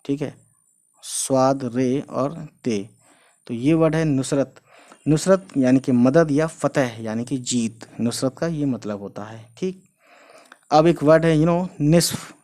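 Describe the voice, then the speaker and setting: A man giving a casual spoken language lesson. He spells out letters slowly, repeats each word and often adds short check-ins. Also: mid-range voice, darkish tone. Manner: explains slowly, spells out letters, repeats words, fills with "theek hai". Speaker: language teacher.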